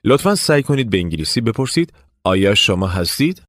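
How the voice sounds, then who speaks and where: A man narrating a language lesson, giving clear step-by-step instructions. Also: fairly low pitch, sing-song, fairly bright tone, no echo, studio quality. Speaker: language teacher.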